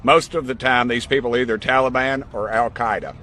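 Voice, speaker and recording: A man's voice: mid-range voice, fairly even intonation, a little fast, pushed and bright, slight background noise. A man giving indignant political commentary.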